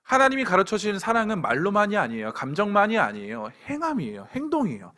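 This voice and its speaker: A man's voice: high voice, huge pitch swings, quick pace, sharp tone. A young adult man preaching a sermon to a church young adults group, pointed and direct with playful asides. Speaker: pastor.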